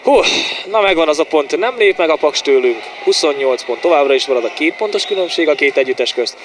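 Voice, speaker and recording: A man giving excited, partisan live football commentary in short exclamations and repeated player names, as a home-side commentator. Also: on the high side. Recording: noisy outdoor stadium sound.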